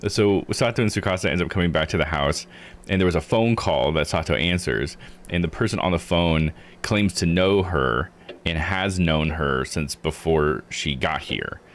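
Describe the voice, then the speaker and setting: A low-voiced man talks at a normal speed, streaming himself playing a visual novel and recapping it. His live commentary is casual and rambling as he explains things and thinks out loud.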